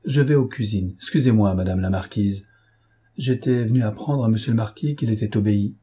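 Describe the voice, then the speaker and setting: A man's voice: lowish voice, a little fast, warm tone, slightly rough. A man voicing a courteous, self-assured head butler. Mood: reassuring.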